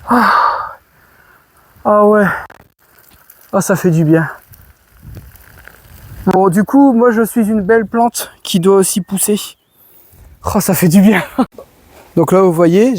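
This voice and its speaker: A Frenchman with a high, slightly mellow voice, recorded with no echo, demos a product in his garden. This home and garden vlogger is casual and enthusiastic, peppering his talk with slang.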